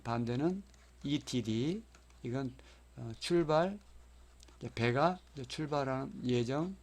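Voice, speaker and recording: A man gives a recorded exam lecture in an explanatory tone. He repeats each key term for memorizing and spells English phrases out slowly. His voice sits at a middle pitch. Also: darkish tone.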